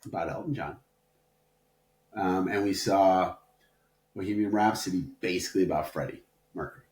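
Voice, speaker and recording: Low and a little mellow, this man's voice moves at normal speed as he co-hosts a podcast. The conversation is casual, rambling and playfully dramatic, packed with filler words, and the audio carries a roomy echo.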